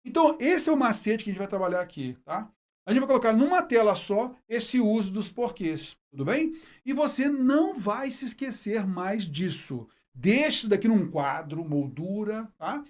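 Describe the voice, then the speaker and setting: A man's voice: high voice, expressive, moderate pace. A man teaching a grammar lesson in a folksy, chatty way, often checking in with the viewer. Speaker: Portuguese teacher. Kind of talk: casual video lesson.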